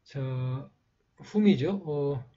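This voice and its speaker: A man's voice: medium pitch, mellow, dull audio. A man teaching a writing lesson, explaining each stroke patiently and stopping often on fillers. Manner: slow, patient, with frequent fillers. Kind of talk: calligraphy lesson narration.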